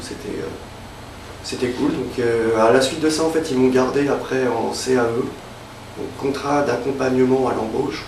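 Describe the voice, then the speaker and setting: In a casual interview, a young freelance illustrator from Évreux, Normandy, stumbles through his answers with many fillers and restarts. His voice is medium in pitch, creaky and darkish in tone. The mic sits at a distance in a roomy space, picking up faint ambience and slight background noise.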